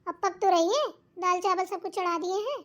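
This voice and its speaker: A woman's voice: very high voice, fairly quick. A woman voicing a chatty young daughter-in-law in a cartoon who talks straight to viewers. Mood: plain. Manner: chatty, addresses viewers directly. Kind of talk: cartoon voice acting.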